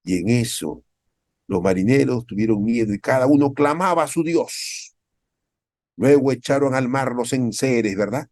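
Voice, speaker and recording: A male pastor with a Peruvian Spanish accent, speaking at a middle pitch and preaching in lively bursts. He keeps turning to the listeners with rhetorical questions and acts out the people he quotes in a raised voice. The recording sounds dry and close. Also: normal speed, no room sound. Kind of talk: sermon.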